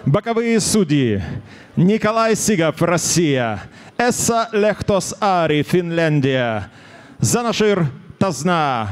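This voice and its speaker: A man's voice: sits high, clear, resonant tone. A man working as a boxing ring announcer in a fighting game announcer style, formal and emphatic, stretching out key words over a handheld microphone. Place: boxing ring in an indoor arena.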